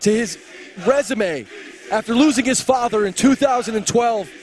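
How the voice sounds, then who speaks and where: A man working as a wrestling color commentator, giving excited, emphatic and earnest analysis of the match. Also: very high-pitched, normal speed. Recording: loud arena crowd and music behind. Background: cheering crowd and music.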